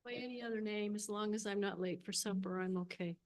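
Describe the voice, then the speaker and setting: A woman's voice: mid-range voice, steady tone, a little fast, a little mellow. A woman from Texas speaking at a city council meeting, chatty and pressing with her questions. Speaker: public commenter. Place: council chamber.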